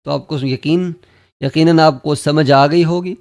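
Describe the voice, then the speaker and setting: A man's voice: a little high, fairly even intonation, a little mellow. A man teaching Quran reading, patiently drilling letters and syllables one by one. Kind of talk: step-by-step lesson.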